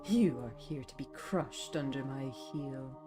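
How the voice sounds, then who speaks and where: A woman voicing a haughty, menacing dark queen from a game, very soft, unhurried and imperious. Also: a bass voice, over loud music. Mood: scornful. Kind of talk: dramatic game character read.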